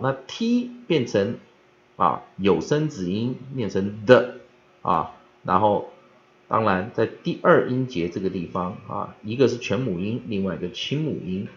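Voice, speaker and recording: A man teaching English pronunciation, spelling out letters and repeating each word slowly three times, with many spoken fillers. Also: fairly low pitch. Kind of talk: vocabulary pronunciation lesson. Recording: dull lo-fi recording.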